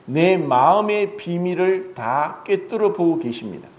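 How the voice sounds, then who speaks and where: A man's voice: sits high, expressive, measured pace, roomy sound, low-quality recording. A male pastor preaching a dramatic sermon in a church, acting out the quoted words of the story. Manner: dramatic, voices Jesus and Peter in quotes.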